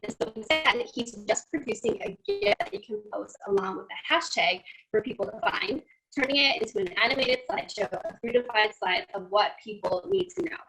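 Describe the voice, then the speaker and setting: Speaking a little high in a brisk, sing-song, creaky voice over music, a woman presents at an online conference, explaining each slide and opening sentences with "so." Her computer mic on the video call produces low-quality audio that drops out into static.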